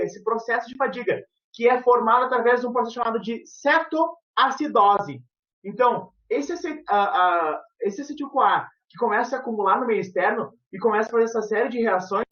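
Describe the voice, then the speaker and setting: A man giving an informal university lecture over a video call, explaining aloud with frequent fillers. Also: very high-pitched. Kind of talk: online lecture. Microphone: headset. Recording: muffled video-call audio.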